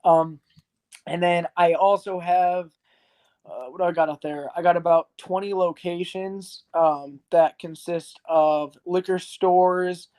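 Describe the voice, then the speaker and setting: A man's voice: high-pitched, steady tone, slow, a little mellow. A man in his early twenties, an arcade business owner, talking casually as a guest with lots of fillers and a frank, rambling manner. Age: early 20s. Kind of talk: casual interview chat.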